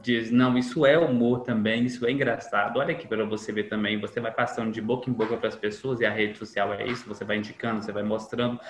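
A man's voice: fairly low pitch, little pitch movement, fast, few pauses. A man as a podcast guest in casual conversation, reflective, often acting out quoted dialogue. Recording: echoey room with faint noise.

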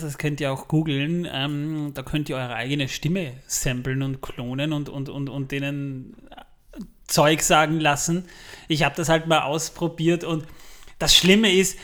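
A man's voice: on the high side, a bit bright. A man with an Austrian accent, co-hosting a podcast in a joking, rambling way full of fillers. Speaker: podcast co-host. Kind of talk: casual chat.

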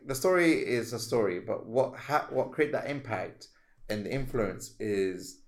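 Animated man co-hosting a podcast. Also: medium pitch, a little slow. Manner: animated, exclamatory, acts out reactions. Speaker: podcast co-host. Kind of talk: casual spiritual podcast chat.

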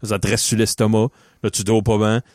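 A man's voice: fairly low pitch, level tone, brisk, a little mellow, dry recording, clean studio sound. A man with a Quebec French accent co-hosting a podcast, rambling easily through everyday stories. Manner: easygoing, rambling, everyday storytelling. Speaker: podcast co-host. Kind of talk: casual podcast chat.

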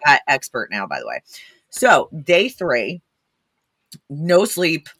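Animated woman with a bright voice. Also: low-pitched, takes it slowly, dry recording. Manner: blunt, animated, many "like" fillers. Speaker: podcast guest, animal rescue founder. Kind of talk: casual storytelling.

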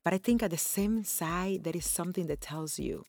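Her voice is on the low side and darkish, moving at normal speed over faint background music in a dry recording. She is a Cuban woman in her forties hosting her own podcast, giving an effusive, earnest personal monologue and laughing often.

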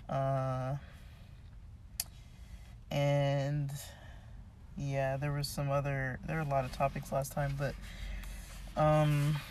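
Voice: mid-range voice, slight background noise. Someone whose voice is giving out, talking casually and unscripted about a book, hesitant and thinking aloud. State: losing voice, voice giving out. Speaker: reader discussing a self-help book.

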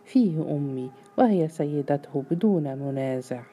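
امرأة تؤدي دور ابن شاب غاضب متمرد يصيح بسخرية واحتقار في قصة مسموعة. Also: female voice, low voice, lively intonation, moderate pace, breathy edge. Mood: furious. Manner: shouting, scornful. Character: furious, defiant grown son.

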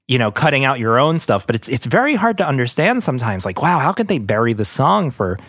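A man's voice: mid-range voice, very animated, fast talker, fairly bright tone, no echo, clean studio sound. A man co-hosting a music podcast, chatting casually and laughing often. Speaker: podcast co-host.

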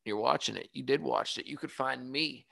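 Gravelly man ranting on his podcast. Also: medium pitch, normal speed, no echo. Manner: animated, ranting, self-mocking. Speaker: podcast host. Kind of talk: casual solo monologue. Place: home studio.

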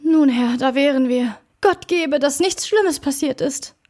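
A woman voicing a frightened male servant in an audiobook, pleading and hurried in a raised, strained voice. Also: sits high, a little mellow, voice pushed up, lightly acted. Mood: anxious. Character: frightened middle-aged male servant, anxious.

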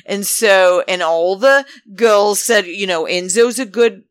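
A woman's voice: mid-range voice, takes it slowly, no room sound, clean studio sound. A woman chatting casually about a show, rambling and calling her listeners darlings, acting out what others said. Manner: acts out quoted speech. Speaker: reality show commentator. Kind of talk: casual chat.

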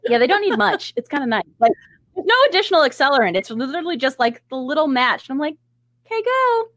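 A woman's voice: high-pitched, animated, quick pace, a bit bright, dry recording. A woman co-hosting a podcast in casual chat, enthusiastic and giggly. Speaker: podcast co-host.

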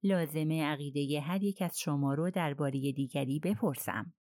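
A persistent foreign detective who questions with polite, coaxing persistence, as a woman narrating a mystery voices him. The voice sits low-ish, and the recording is dry and close. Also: darkish tone, no room sound, close to an everyday voice. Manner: probing, politely persuasive.

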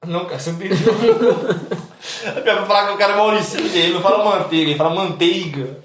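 A man's voice: high voice, racing. A man hosting a casual podcast, joking and laughing a lot. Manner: joking, laughs often, bursts into shouts. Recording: echoey room with noticeable noise.

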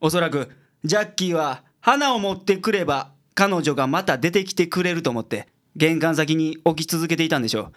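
Brisk and a bit bright, with a slightly high voice and lively intonation, a man portrays a radio-drama private detective speaking with a Kansai accent. Composed and explanatory, the gruff, logical sleuth is blunt with his juniors while hiding a soft heart.

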